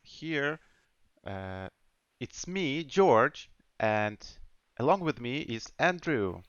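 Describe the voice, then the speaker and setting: A man's voice: medium pitch, sing-song, extremely slow, fairly bright tone, smooth, no echo, muffled recording. A man in his twenties from Ukraine, in English, hosting a casual podcast chat. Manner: chatty, nonnative English with restarts. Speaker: podcast host.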